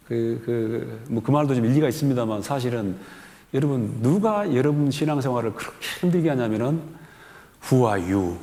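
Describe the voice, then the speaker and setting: A man's voice: mid-range voice, a little mellow. A man in his fifties, a pastor giving a sermon in a church, talking to the congregation in a conversational way with many questions to them. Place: church sanctuary. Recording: long hall reverb in a church.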